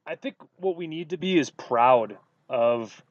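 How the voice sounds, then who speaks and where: A man from Wisconsin co-hosting a sports podcast, telling stories in a casual, animated way with lots of fillers. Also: medium pitch, unhurried, no echo, muffled recording. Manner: animated storytelling with many fillers. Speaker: podcast co-host.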